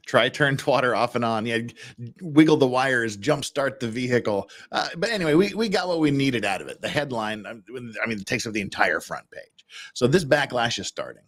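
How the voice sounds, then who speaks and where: A man's voice: mid-range voice, animated, moderate pace, fairly bright tone. A man giving casual live commentary as a host reviewing a trial.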